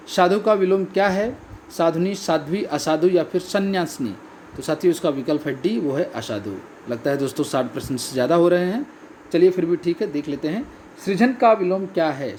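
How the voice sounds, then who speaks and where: Male exam tutor, mellow fairly high voice, repeats key words, faint noise behind. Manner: repeats key words, addresses listeners as friends. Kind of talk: test answer walkthrough.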